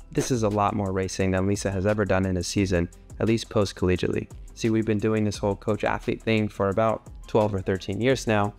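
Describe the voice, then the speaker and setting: A man's voice: lowish voice, gravelly, a little mellow. A man in his thirties, a coach narrating a vlog in an earnest, methodical, technical explaining manner. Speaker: running coach and sport physiologist. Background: background music.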